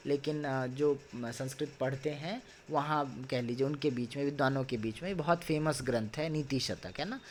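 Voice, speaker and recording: Over a video call, a fairly high-pitched male teacher leads a Sanskrit lesson. He explains with patience, breaks words into slow syllables, and keeps tossing in tag questions.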